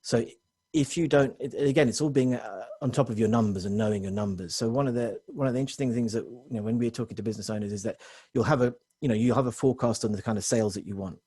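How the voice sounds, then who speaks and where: A man working as a technology consultant, giving a quick webinar presentation to business owners with frequent restarts and self-corrections. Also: mid-range voice, mellow, slightly rough, dry recording, studio quality.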